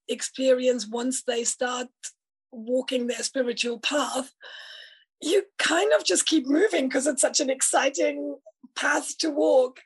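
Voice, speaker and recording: A woman's voice: high voice, breathy edge, rough recording. A woman from East Germany, a middle-aged health and life coach, telling her story in a reflective, thoughtful way during an interview. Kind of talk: casual conversational interview.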